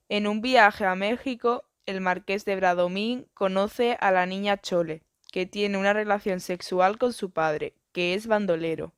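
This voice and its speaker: A woman reading an educational biography and book summaries in a steady, even narration. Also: mid-range voice, clear, resonant tone, dry recording, clean studio sound.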